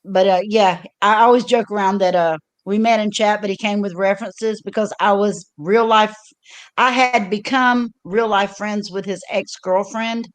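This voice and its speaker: Speaking in a mid-range voice at a moderate pace, an older livestream host keeps her intonation fairly even. Her casual chat drifts along as rambling storytelling, thick with fillers and restarts.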